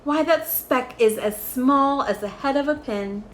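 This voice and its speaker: A woman's voice: high-pitched, unhurried, slight background noise. A woman voicing a sour, scornful mother kangaroo from a storybook in a haughty, dismissive manner.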